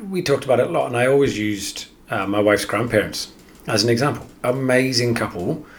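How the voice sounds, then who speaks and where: A man's voice: medium pitch, a little fast. An Australian man co-hosting a podcast, chatting casually and rambling, often repeating words as he thinks. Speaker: podcast co-host. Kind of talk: casual chat.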